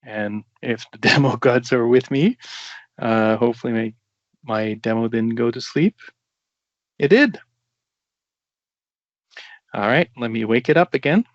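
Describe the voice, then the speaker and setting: A man with a French Canadian accent presenting a software demo on a video call, casual and joking, with many fillers. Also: mid-range voice, a little slow, long pauses, no room sound. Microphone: video call mic. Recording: dull, dry video-call audio.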